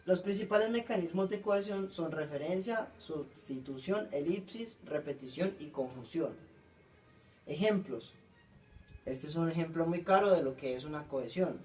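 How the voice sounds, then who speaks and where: Man, class presentation, halting, corrects himself, fairly high voice, distant mic. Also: darkish tone, soft background music. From Colombia. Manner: halting, frequent self-corrections.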